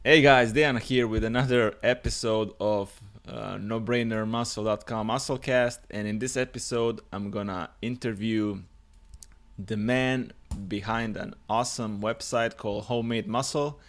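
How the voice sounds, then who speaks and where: A young podcast host with a fairly low pitch and a steady tone speaks at a moderate pace. On his fitness podcast he chats casually, sounding upbeat, enthusiastic, and informal.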